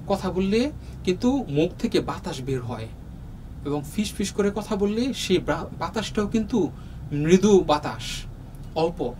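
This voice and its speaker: Slow, patient Bangladeshi man teaching. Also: high-pitched, recorded from a distance, poor audio. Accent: Bangladeshi Bengali. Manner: slow, patient, with many pauses and fillers. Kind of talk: explaining a lesson to young students. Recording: voice from off the mic, faint room noise.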